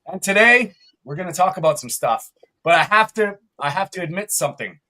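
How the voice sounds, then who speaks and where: A man's voice: high voice, lively intonation, fairly quick, pushed and bright. A man from Canada co-hosting a live podcast, chatty and upbeat, often laughing as he rambles. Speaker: podcast co-host.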